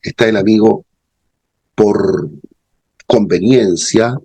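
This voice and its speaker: A man's voice: lowish voice, slow, warm tone, slightly rough, no echo. A man teaching a theology class, explaining terms and checking in with his students. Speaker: theology professor. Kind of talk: classroom lecture.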